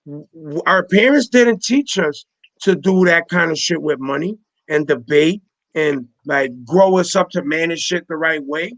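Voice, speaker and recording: This forties-aged host leads a laid-back panel discussion on a video call, and his voice runs on the high side with a slightly bright edge. Heavy on street slang and emphasis, he circles back to the same points again and again, captured in a dry recording.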